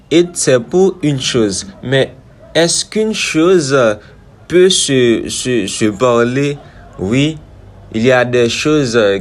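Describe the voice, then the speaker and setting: A man teaching English verbs, drilling conjugations slowly with many repetitions and frequent check-ins. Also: mid-range voice. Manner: slow, repetitive drilling, asks "Ok?" often.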